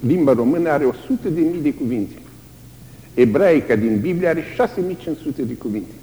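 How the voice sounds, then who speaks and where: An older man preaching a sermon, dramatic and lively, sometimes crying out the screams of the tortured. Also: on the high side. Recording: long hall reverb.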